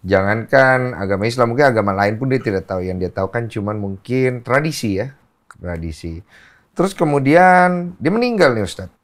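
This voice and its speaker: A man hosts a casual interview, asking curious questions and following up on each answer. He often rephrases what he has just heard to check it, in an everyday mid-pitched speaking voice. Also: animated, normal speed. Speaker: podcast host.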